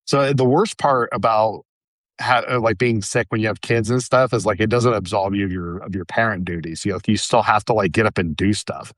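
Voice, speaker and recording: A podcast co-host with a lowish voice talks briskly in easygoing, chatty banter, leaning heavily on fillers like "like" and "dude." The sound is clean studio quality with no echo.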